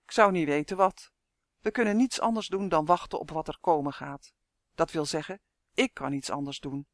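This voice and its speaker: Casting: a man playing an earnest young boy, fairly high, steady storybook tone, close dry recording. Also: moderate pace, dry recording. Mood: serious. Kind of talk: audiobook character voice.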